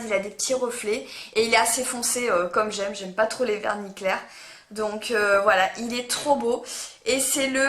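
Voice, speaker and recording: A woman's voice: on the high side, a bit bright. A woman vlogging casually to camera about nail polish, chatty and hesitant, often stumbling over her words. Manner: chatty, hesitant, full of "euh" fillers. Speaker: beauty vlogger. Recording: echoey room.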